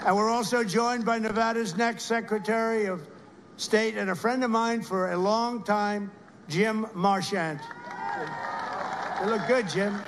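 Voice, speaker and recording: A man's voice: high-pitched, fairly even intonation, a little slow, noisy background. A man giving a rambling rally speech, heaping repeated praise on people in the crowd. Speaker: political speaker at a rally.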